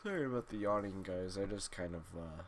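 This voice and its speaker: A man's voice: sits low, lively intonation, brisk, slight background noise. A man giving casual, wry gameplay commentary, sleepy and drowsy after just waking up. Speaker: gaming YouTuber.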